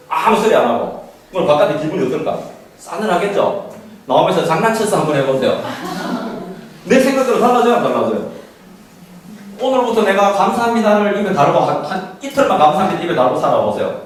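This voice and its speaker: A man gives a parenting lecture in a high voice and swings his pitch widely. He acts out what a parent or child might say and laughs often. He sounds distant, and the hall's echo is heavy. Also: lively intonation, quick pace. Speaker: parenting instructor. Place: lecture room. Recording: echoey hall, far from the mic, faint noise.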